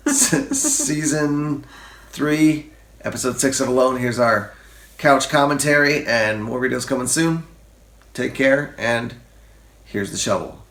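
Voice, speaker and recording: A man's voice: medium pitch, lively intonation, takes it slowly, fairly bright tone, roomy sound. A man hosting a casual couch commentary, joking and acting out quotes in silly voices. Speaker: host.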